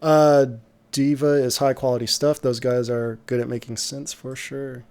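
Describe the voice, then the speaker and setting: A man hosting a casual livestream, answering viewer questions about music software in a relaxed way, trailing off with fillers. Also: medium pitch, moderate pace, clear, resonant tone. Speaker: music producer streamer.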